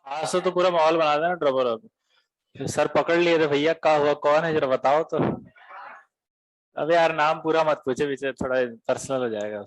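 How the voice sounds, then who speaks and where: A man's voice: a little high, normal speed, no room sound, poor audio. A man teaching a coaching class, teasing his students in a chatty lecture.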